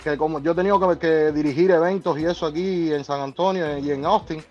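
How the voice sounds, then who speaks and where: A Cuban man on a casual live podcast, talking loudly and excitably, often breaking off and restarting his words. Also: on the high side, brisk, highs cut off, soft background music. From Cuba.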